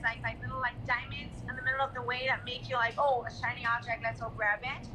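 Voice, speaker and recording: A higher-voiced woman from Brazil chats casually into her phone on a live stream, leaning on "guys" and "like" as she rambles through questions. Traffic and street noise can be heard clearly behind her, and a steady hiss runs under the voice. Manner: filler-heavy, repeats "guys" and "like". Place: apartment in a hot humid city.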